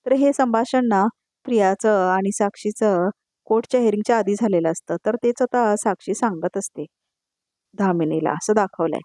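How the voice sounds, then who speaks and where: A woman's voice: medium pitch, normal speed, warm tone, no room sound, studio quality. A woman narrating a voice-over recap of a television serial episode, telling who says what in a storytelling manner. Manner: repetitive attributions, storytelling.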